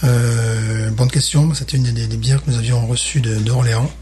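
A man's voice: medium pitch, fairly even intonation, normal speed, warm tone, slight background noise. A man with a Parisian French accent chatting casually as co-host of a beer tasting podcast, enthusiastic and often repeating himself.

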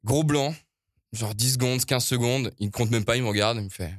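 A man who organizes events tells a casual anecdote in slangy, conversational speech, often pausing and hesitating as he goes. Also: mid-range voice, no room sound, studio quality. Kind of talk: casual storytelling.

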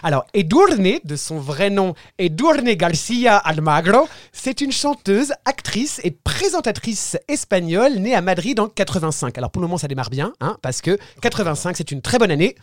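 A man's voice: high-pitched, big pitch swings, moderate pace, few pauses, no room sound, clean studio sound. A man in his thirties presenting a comic column in a theatrical, sarcastic way and often laughing at his own jokes. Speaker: regular columnist. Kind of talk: comic chronicle, half-read.

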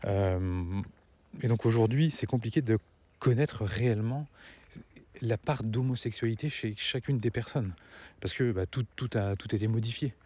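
A man's voice: fairly low pitch, normal speed, darkish tone, slightly rough. A man giving a casual opinion monologue to viewers as a vlogger, rambling and stammering, swallowing words as he walks outdoors. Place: outdoors, walking, nearing a road.

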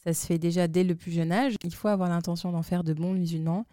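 A woman co-hosting a podcast, explaining things in a measured way with frequent hesitations. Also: on the low side, fairly even intonation, dark tone, dry recording, clean studio sound. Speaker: podcast co-host. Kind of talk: casual podcast chat.

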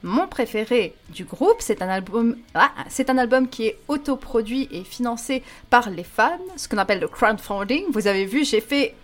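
A woman's voice: a little high, lively intonation, normal speed, hardly any pauses. A woman co-hosting a casual podcast, reviewing music with playful enthusiasm and frequent laughs.

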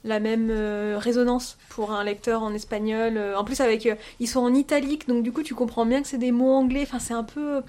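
A woman's voice: on the high side, level tone, brisk, few pauses, warm tone. A young woman guest chatting in a casual podcast discussion, talking with many hesitations and restarts.

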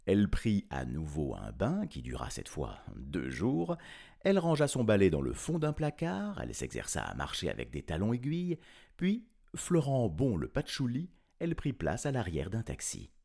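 A man reads a children's story aloud with playful, chuckling energy. His voice is very deep and gravelly. The pitch rises and falls in lively swings. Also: normal speed.

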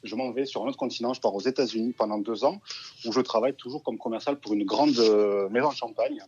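Talking fast in a slightly mellow mid-range voice, a thirty-something wine merchant from southern France, with an accent to match, chats hesitantly as a radio interview guest. The lo-fi recording is dull and has slight background noise.

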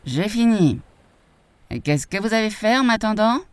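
Brief: storybook old sailor, calm and instructive, dry close sound, read by a woman. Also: sits high, unhurried, clear, resonant tone, no room sound, voice pushed up. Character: patient old sailor mending rope.

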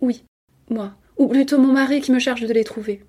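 A woman's voice: high voice, fairly even intonation, normal speed, a little mellow, husky, pitched above the performer's own voice. A woman reading aloud and voicing an anxious, tormented society woman under a hypnotic spell, pleading and stammering. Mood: anxious, insistent.

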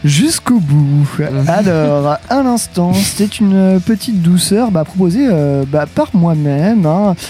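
A man's voice: high-pitched, lively intonation, slow pace, few pauses, mellow. A man hosting a music radio show, chatting casually with many fillers. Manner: hesitant, lots of fillers.

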